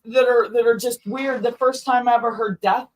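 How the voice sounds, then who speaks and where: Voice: mid-range voice, fairly even intonation, normal speed, poor audio. Giggly, apologetic chatty voice. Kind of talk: casual chat.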